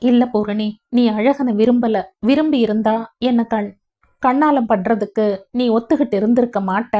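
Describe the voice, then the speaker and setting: A woman's voice: medium pitch, fairly even intonation, measured pace, close to an everyday voice. A woman voicing a possessive, lovesick young village man who pleads earnestly in a storybook reading. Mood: pleading. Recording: dull lo-fi audio.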